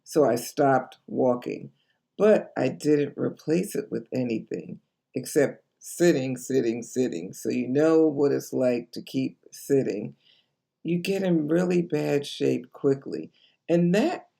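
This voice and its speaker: A woman's voice: extremely low pitch, vocal fry, mellow. A woman in her late sixties, a life coach, talking to camera in an earnest, encouraging way. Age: 60s. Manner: earnest, encouraging, slow and deliberate. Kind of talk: direct-to-camera vlog.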